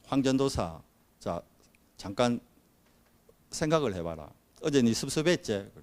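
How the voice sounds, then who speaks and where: A preacher quoting a curt older pastor. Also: male voice, mid-range voice, big pitch swings, unhurried, a little mellow. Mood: blunt. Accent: Gyeongsang Korean. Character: blunt older male senior pastor.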